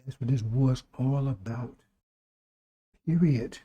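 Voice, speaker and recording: A man preaching with a hoarse, recovering voice, exhorting through repetition and rhetorical questions. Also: mid-range voice, unhurried, mellow, lo-fi sound, slight background noise. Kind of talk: sermon.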